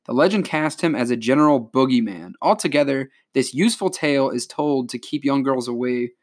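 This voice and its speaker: A man's voice: medium pitch, fairly quick. Joking man reading legends aloud. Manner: joking, animated storytelling. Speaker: podcast co-host.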